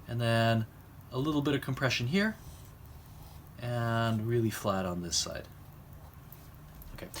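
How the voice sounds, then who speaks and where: A man's voice: medium pitch, fairly bright tone, a little hiss or hum. Man teaching drawing step by step. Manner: explanatory, talks while drawing, pauses mid-phrase. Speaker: drawing instructor. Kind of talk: recorded art lesson.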